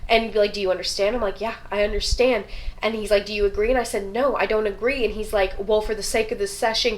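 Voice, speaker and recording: A woman's voice: fairly high pitch, low-quality recording. Profane, fired-up young woman vlogger. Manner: profane, animated, rants. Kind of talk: casual storytelling vlog.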